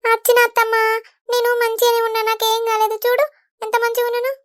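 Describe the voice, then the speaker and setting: A woman voicing a young pregnant village daughter-in-law in a cartoon, speaking gently. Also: extremely high pitch, completely flat delivery, quick pace. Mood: gentle.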